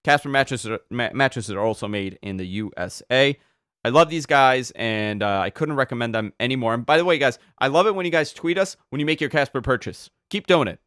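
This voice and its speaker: A man hosting a podcast, telling stories in an animated way and repeating words when he gets excited. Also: medium pitch, fairly quick, no room sound, studio quality. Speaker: podcast host. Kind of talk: casual podcast chat.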